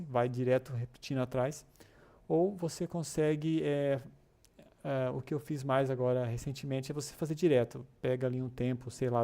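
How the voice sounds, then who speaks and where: Reading viewers' chat comments aloud, the host of a developer community's English class keeps his live-stream lesson casual. He talks in a mellow, medium-pitched voice, warmly encouraging, restarting sentences and leaning on filler tags.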